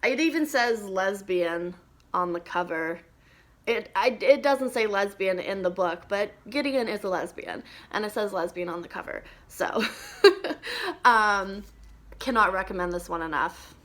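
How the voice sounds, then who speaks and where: A young female book vlogger talks to the camera about her favorite books in a chatty, enthusiastic way, with lots of ums and little laughs. Her medium-pitched voice is expressive, a bit bright, and a little slow.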